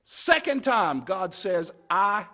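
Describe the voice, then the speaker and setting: Delivering a dramatic camp meeting sermon, he swings from hushed words to loud cries, driving points home with short repeated phrases. His high, expressive voice moves a little slowly.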